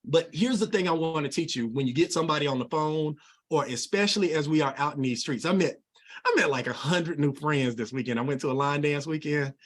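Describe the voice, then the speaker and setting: A middle-aged man leading an energetic sales training over a video call, animated and folksy, with plenty of casual asides. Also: fairly high pitch, a little fast.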